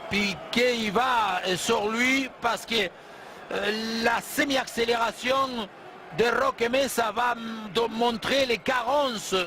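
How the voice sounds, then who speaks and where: A man giving animated football co-commentary, emphatically analysing play and rephrasing his points with halting hesitations. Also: very high voice. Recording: clear background noise.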